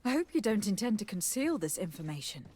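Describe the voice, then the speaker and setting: With music behind her, a woman voices a video game protagonist: a firm, formal noble legate who questions people with authority and composure. Her mid-range voice is fairly quick and dark in tone, with big pitch swings.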